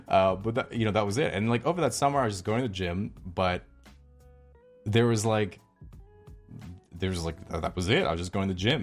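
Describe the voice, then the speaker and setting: A young man telling a story from his life in a rambling, sardonic way, swearing now and then. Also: low-pitched. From British Columbia, Canada. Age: young adult. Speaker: vlogger. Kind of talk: casual storytelling.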